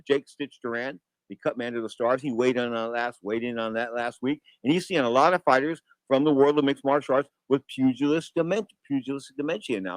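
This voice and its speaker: A man's voice: mid-range voice, dry recording, poor audio. A man hosting boxing talk radio in a slangy, opinionated monologue. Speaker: radio sports show host. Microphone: close studio broadcast microphone.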